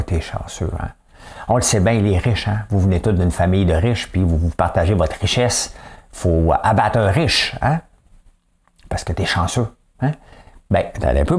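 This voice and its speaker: A man with a Québécois French accent hosts a casual news commentary show. His voice sits a bit low. His delivery is loose and conversational, full of rhetorical asides to the audience. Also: animated, moderate pace, long pauses, darkish tone. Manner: chatty, keeps adding a rhetorical "hein?".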